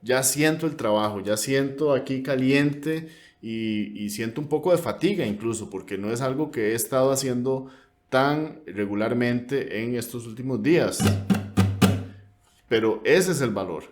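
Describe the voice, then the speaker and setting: A man's voice: medium pitch, unhurried. A man gives a classical guitar lesson, patiently explaining and counting beats aloud as he demonstrates. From Costa Rica. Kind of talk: instructional lesson. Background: classical guitar strumming.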